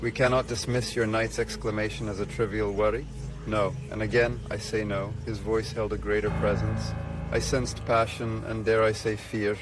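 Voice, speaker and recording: A man voicing an obsessive male stalker who writes formal, old-fashioned letters, read gravely over music. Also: on the low side, little pitch movement, normal speed, lightly acted. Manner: formal, archaic, grave reading.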